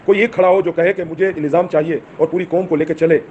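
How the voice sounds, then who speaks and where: A man's voice: a little high, steady tone, narrow, tinny audio, slight background noise. A man giving an impassioned speech to his followers, urging them on with rhetorical questions. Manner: urgent, exhorting, rhetorical questions. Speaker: movement leader addressing followers.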